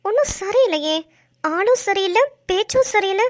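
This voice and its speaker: A woman voicing a bossy, sharp-tongued young wife who scolds and trades insults in a cartoon. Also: extremely high pitch, expressive, moderate pace, no room sound, clean studio sound. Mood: scolding. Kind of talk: cartoon voice acting.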